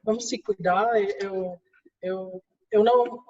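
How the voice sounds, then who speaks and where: Speaking slowly in a steady, darkish medium-pitched voice, this middle-aged woman from England is a guest executive being interviewed in a second language. Her English-accented answers are full of fillers and restarts, and the audio is far-off, roomy and muffled.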